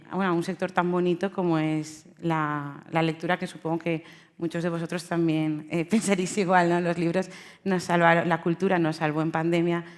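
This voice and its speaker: Low-voiced woman, flat and hesitant. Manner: hesitant, many fillers and restarts. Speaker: bookseller. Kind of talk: panel talk. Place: event hall.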